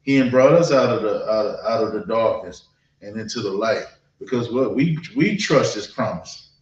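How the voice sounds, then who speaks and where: A fairly low, expressive male voice from the United States delivers an informal public sermon, recorded from a distance in a dull, echoing room. He talks in a halting, repetitive, conversational way, frequently checking in with listeners.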